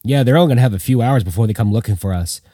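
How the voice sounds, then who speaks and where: A man voicing a quiet young male airman speaking quickly and offhandedly. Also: mid-range voice, no echo, studio quality, close to an everyday voice. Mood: offhand.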